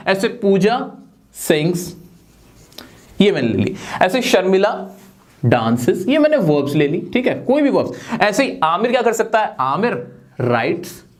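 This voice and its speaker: A very high-pitched man teaches a grammar lesson, repeatedly posing questions and answering them himself. He tosses in playful jokes for his students and stretches out his example sentences slowly.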